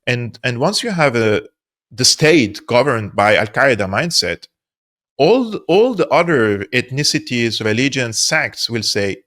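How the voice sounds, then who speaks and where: A man from Syria answers interview questions in a mid-range voice. He talks in a steady, earnest, explanatory way. He hammers his points home by repeating them. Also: mid-range voice. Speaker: political analyst guest.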